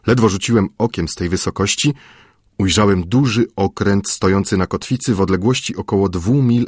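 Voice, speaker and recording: A middle-aged male audiobook narrator reads a classic adventure tale in a measured, steady way. His voice sits low with a husky grain, and the recording is dry and close with no room sound. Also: no echo. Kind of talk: scripted literary narration.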